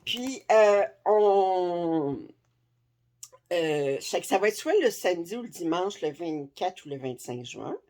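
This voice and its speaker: Woman, Québécois French accent, lowish pitch, casual chat to camera, lots of fillers. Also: very animated, slow, darkish tone. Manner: chatty, many fillers and "ok?" check-ins. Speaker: craft vlogger. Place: her living room. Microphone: camera framing upper body.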